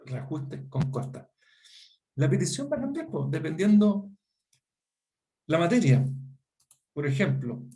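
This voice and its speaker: In a seminar lecture, a middle-aged law teacher with a Chilean Spanish accent speaks in a dark, mid-range voice. His style is to explain and then pose rhetorical check-ins, making sure the class is with him.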